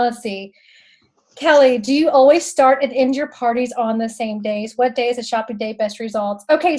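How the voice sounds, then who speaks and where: A chatty Texan woman in her thirties gives sales tips with laughing asides and calls her viewers y'all. Her voice sits high. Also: darkish tone, low-quality recording. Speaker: direct-sales consultant and host. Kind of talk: casual how-to talk.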